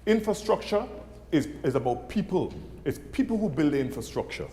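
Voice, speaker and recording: A man's voice: on the high side, big pitch swings, fairly quick, warm tone. A man with an Anguillan accent arguing combatively and accusingly as a member in parliamentary debate. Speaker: member of a legislative assembly. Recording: echoey assembly chamber.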